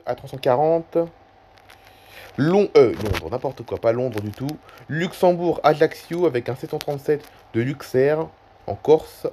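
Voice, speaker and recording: A man's voice: medium pitch, warm tone. A man casually commenting on a live flight-tracking map he is clicking through, hesitating, rambling and correcting himself as he goes. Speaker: YouTuber. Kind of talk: casual screen-recording commentary.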